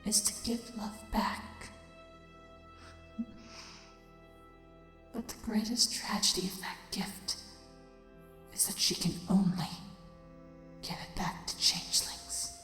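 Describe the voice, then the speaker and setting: A woman as a slow, echoing changeling queen. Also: mid-range voice, a bit bright, natural voice. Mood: hushed, instructive. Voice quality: breathy, half-whispered. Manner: slow, deliberate, solemn. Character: old dying changeling queen, slow, sinister yet tender. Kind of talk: dramatic audio fiction acting. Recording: heavy echoing reverb, music underneath. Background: music.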